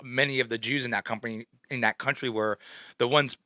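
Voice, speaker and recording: A man's voice: medium pitch, steady tone, fairly quick, pushed and bright, no room sound, clean studio sound. A man co-hosting a casual podcast, thinking aloud and asking questions as he talks. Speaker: podcast co-host.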